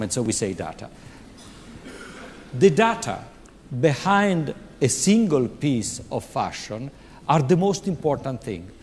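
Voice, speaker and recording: A man explains at a middle pitch with confident, measured points and rhetorical questions. The long reverb of a large hall trails after his words. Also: darkish tone, a little hiss or hum. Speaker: panel guest, head of a fashion initiative. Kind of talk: conference panel answer. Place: conference hall.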